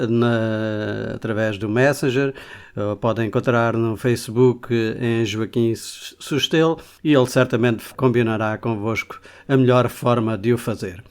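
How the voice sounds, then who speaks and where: A man's voice: medium pitch, clean tone. A man hosting a radio interview, rambling a little and repeating words as he finds his phrasing. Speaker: radio host.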